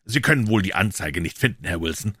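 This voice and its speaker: A man voicing a shrewd, calm detective who explains in a low, measured, quietly assured way in an audiobook. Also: husky, no room sound, studio quality, exaggerated voice. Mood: explaining. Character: shrewd calm male detective, dryly ironic. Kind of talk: audiobook character voice.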